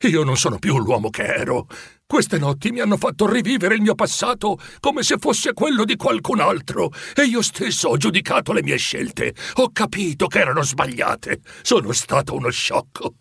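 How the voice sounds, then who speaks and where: A man's voice: sing-song, normal speed, creaky, a bit bright, husky, dry recording, studio quality, full character voice. A man doing a desperate old miser. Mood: pleading. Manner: anguished, pleading, high-pitched. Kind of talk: storybook reading.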